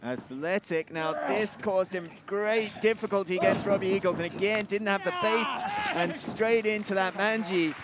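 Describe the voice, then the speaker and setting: A man's voice: high voice, steady tone, moderate pace, hardly any pauses. A man giving color commentary on a wrestling match, breaking down holds and technique in an analytical way. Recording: loud arena crowd and noise.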